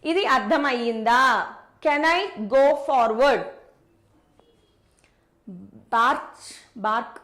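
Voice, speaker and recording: Woman, high voice, brisk live online physics teacher who repeats every step. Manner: brisk, repeats key steps, mixes English terms into Telugu. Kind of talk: live online lesson with chat replies.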